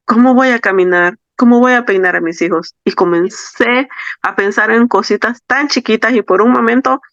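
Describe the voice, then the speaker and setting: A woman from El Salvador recounts her personal faith testimony as a guest. Her voice is smooth and resonant, and her earnest telling often repeats key phrases. The recording is dry and a little dull. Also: fairly high pitch, moderate pace, fairly bright tone, no echo. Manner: earnest, reflective storytelling with repetition. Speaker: interview guest.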